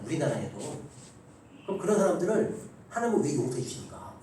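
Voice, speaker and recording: A man's voice: fairly high pitch, dark tone, heavy reverb, distant mic, slight background noise, poor audio. A man preaching a Sunday afternoon sermon as the pastor. He acts out the voices of the people in his stories. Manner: congregation joins in reading scripture aloud. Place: church sanctuary.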